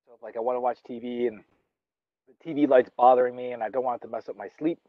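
A young man talks casually as he eats outdoors, rambling and restarting, with plenty of fillers. His voice sits at a middling pitch for a man. The recording is dry and somewhat dull, with a lo-fi edge. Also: steady tone, fast, dry recording. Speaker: vlogger. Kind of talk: casual talk while eating. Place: outdoors under a tree in a yard.

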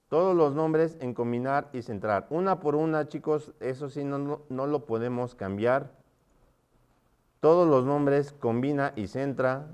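A man's voice: medium pitch, darkish tone, clean tone. A man teaching a live online class, often stopping to check that his students are following.

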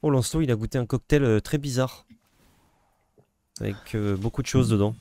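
Brisk and mid-range with a dark tone, this man's voice carries casual chat as he co-hosts a card game video. He teases his partner and talks through his moves out loud.

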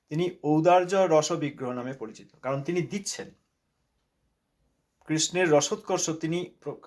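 A man who chants verses slowly, then reads aloud from a religious letter and explains it, repeating and rephrasing each point. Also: fairly high pitch. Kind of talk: devotional reading and commentary.

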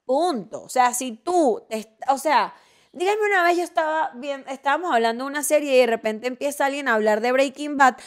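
A woman with a Venezuelan accent, hosting a casual monologue, talking in an animated, opinionated way and rambling through asides and restarts. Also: high voice, fairly quick. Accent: Venezuelan Spanish. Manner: animated, opinionated and playfully ranting; chatty with frequent restarts and asides. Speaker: podcast host.

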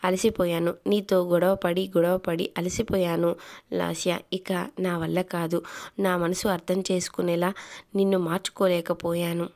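A woman's voice: fairly low pitch, flat delivery, normal speed, a little mellow, close to an everyday voice. Woman reading lines as a weary estranged husband. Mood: weary, hurt. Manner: plain read-out quotes, barely changed voice. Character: grown husband breaking off with his wife.

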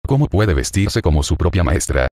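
A man's voice: deep voice, sing-song, moderate pace, darkish tone, dry recording, studio quality. A man voicing a flustered young female ninja apprentice.

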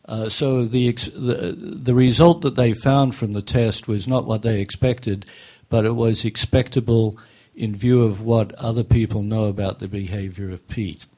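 An older man speaking at a desk microphone in a meeting room, giving a measured, technical public comment with frequent pauses and fillers. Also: lowish voice, dark tone. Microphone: desk microphone on a stand.

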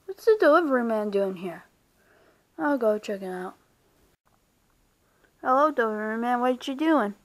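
A woman's voice: on the high side, animated, normal speed, long pauses, no room sound. A woman doing a casual homemade puppet show and voicing the characters in her own playful way.

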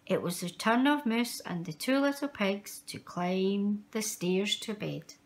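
In a mid-range voice, a woman narrates a children's picture book. She reads expressively and at a measured pace, giving key moments dramatic emphasis for little ones.

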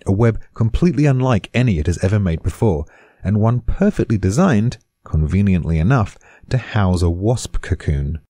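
A man's voice: fairly low pitch, expressive, normal speed, mellow, no room sound. A British man giving a scripted podcast explanation in a dry, darkly amused way.

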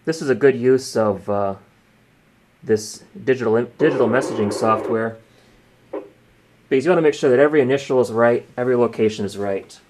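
Speaking fairly quickly in a mid-range voice, a man explains each stage of an informal hands-on demonstration as he does it. He is both a participant in the exercise and its presenter, working at a small indoor radio desk, with faint room noise audible.

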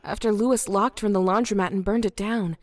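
A grave young woman from a horror game , voiced by an actress, laying out a dark backstory in a measured, solemn tone. Her mid-range voice sits dry and close, with no room around it. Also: medium pitch, fairly even intonation, dry recording, close to an everyday voice. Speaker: game character explaining the killer's story.

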